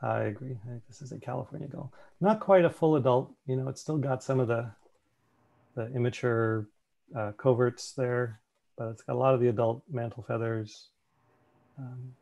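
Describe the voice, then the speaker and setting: Speaking in a warm, gravelly voice of medium pitch, a man casually walks a video call through his slides, thinking aloud with fillers and restarts.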